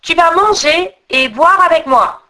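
A woman's voice: extremely high pitch, lively intonation, measured pace, pushed and bright, voice pushed up, heavily acted, poor audio. A woman putting on a gloating troll king. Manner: solemn, gloating. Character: gluttonous cruel troll king, male.

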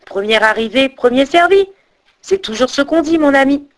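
A woman's voice: high voice, expressive, moderate pace, pitched above the performer's own voice. A woman voicing a greedy, boastful female crane who taunts her companion in a sing-song way. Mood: mocking.

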